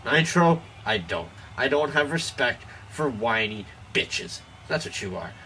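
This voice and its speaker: A man's voice: mid-range voice, sing-song, unhurried, bright, forceful tone, slight background noise. A man playing an angry, boastful pro wrestler cutting a profane, ranting promo after a few drinks. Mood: ranting, contemptuous. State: has been drinking.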